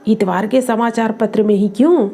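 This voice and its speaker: A woman's voice: a little high, normal speed, mellow, lightly acted. A woman reading the lines of a playful, joking middle-aged man in a storybook drama. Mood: teasing. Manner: mischievous, joking.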